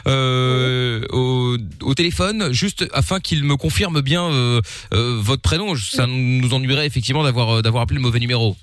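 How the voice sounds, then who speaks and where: Mock-polite radio prank host. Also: male voice, medium pitch, normal speed, few pauses, dry recording, clean studio sound, soft background music. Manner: mock-polite, hesitant, many fillers.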